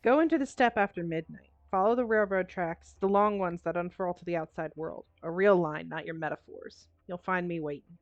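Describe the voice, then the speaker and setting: A blunt, scheming male smuggler giving orders in a low, plain way, read aloud by a woman. The sound is dry and somewhat dull, as on a modest stream mic. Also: a little fast, dry recording, lightly acted. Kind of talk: reading game dialogue aloud.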